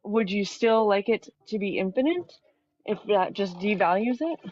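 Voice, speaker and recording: A woman's voice: medium pitch, lively intonation, normal speed, a little mellow, no echo. A woman in a casual debate, explaining her point step by step and checking that the listener follows. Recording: dull, dry audio, music behind.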